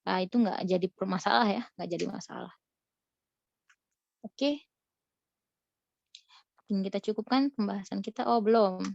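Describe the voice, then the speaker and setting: A young woman gives a relaxed recitation lesson, stopping often to sound out examples slowly and carefully. Her voice sits in a middle pitch. The recording is dry and a little dull, like a simple home setup. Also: gravelly, no echo. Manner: explains patiently, slowly models recitation examples. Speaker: Quran recitation teacher. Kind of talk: casual online tajwid lesson.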